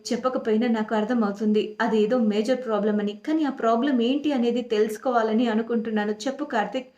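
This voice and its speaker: A woman's voice: on the high side, steady tone, quick pace, a little mellow, highs cut off, natural voice. A woman voicing a shaken older father-in-law in a TV serial recap, insistently asking what is wrong. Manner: insistent, bewildered questioning. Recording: echoey room.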